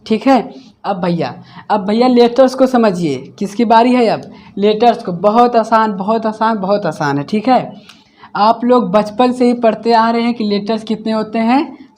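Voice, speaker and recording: A man's voice: high voice, a little mellow. A man teaching English grammar in a class, asking each question and then repeating the answer himself. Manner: explains slowly, step by step. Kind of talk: classroom lesson.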